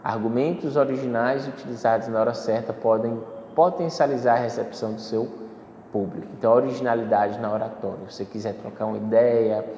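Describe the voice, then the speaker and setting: A mellow mid-range male voice, fairly even in intonation and a little fast, delivers a lecture on public speaking. He explains step by step with frequent fillers and self-corrections, and the echoey hall adds faint ambience plus slight hiss or hum.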